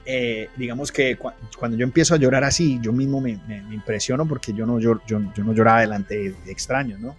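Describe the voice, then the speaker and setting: A man's voice: medium pitch, steady tone, brisk, hardly any pauses, faint music behind. Man telling his testimony. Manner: earnest storytelling, frequent restarts. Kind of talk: personal testimony in an interview.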